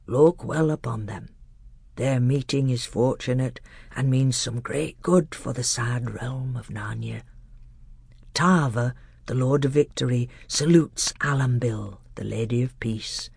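A man voicing an old male scholar tutor who speaks low, slow, hushed and grave in a storybook reading. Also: vocal fry, husky, no room sound. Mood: solemn, hushed.

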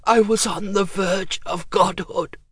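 A man voicing an old legendary sorcerer, speaking in a high, strained hoarse voice, anguished and insistent. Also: fairly even intonation, slow, fairly bright tone, no echo, studio quality, full character voice. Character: old male legendary sorcerer, shaken and imperious. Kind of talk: audiobook character voice.

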